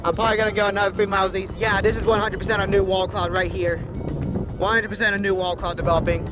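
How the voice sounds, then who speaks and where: A man giving excited, urgent live storm-chase commentary into a phone, repeating his exclamations and often saying dude. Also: sits high, fast, low-quality recording. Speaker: storm chaser filming a vlog. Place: roadside and in a car during a storm. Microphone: handheld phone close to the face. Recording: windy phone recording with music behind.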